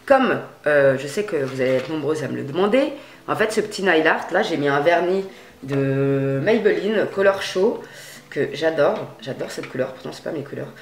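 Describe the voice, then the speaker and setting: A woman vlogging a clothing haul in a chatty, slangy way, swearing freely and swinging between loud and quiet. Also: sits low, animated, normal speed, reverberant. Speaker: beauty and fashion vlogger. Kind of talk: casual haul vlog.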